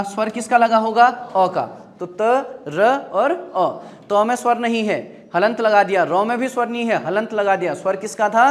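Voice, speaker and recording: A male Hindi teacher who drills his class with questions. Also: high voice. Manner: drills with repeated questions and answers. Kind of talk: classroom grammar lesson.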